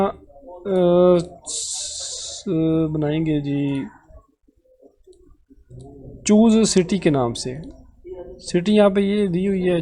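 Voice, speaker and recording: A man's voice: high voice, warm tone. Patient man tutoring a coding class. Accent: Pakistani Urdu. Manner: patient step-by-step explaining, checks in with "theek hai" often. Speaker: programming tutor. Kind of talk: live online coding lesson. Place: live online class session.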